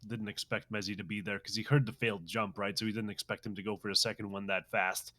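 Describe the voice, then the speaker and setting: Excitable male esports play-by-play caster. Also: on the low side, fast. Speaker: esports commentator. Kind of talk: live play-by-play commentary.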